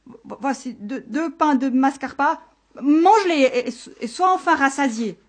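A woman's voice: sits high, animated, unhurried, voice pushed up. A woman voicing a frightened male mountain shepherd who stammers in a trembling voice in a told folk tale. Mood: frightened, stammering.

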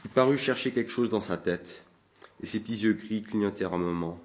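A man reading a novel aloud in a steady, even narration. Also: fairly low pitch, brisk. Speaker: audiobook narrator. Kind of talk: scripted narration.

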